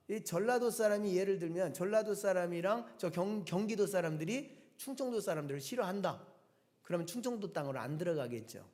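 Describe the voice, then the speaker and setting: A man's voice: sits high, a little mellow. A male pastor preaching a Sunday sermon, talking directly to the congregation with rhetorical questions and emphatic repetition. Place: church sanctuary. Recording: long church reverb.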